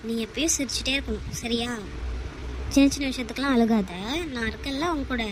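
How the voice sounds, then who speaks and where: A woman's voice: fairly high pitch, fairly even intonation, a little fast, background noise, natural voice. A woman voicing a caring, protective young man in a cartoon, coaxing and reassuring.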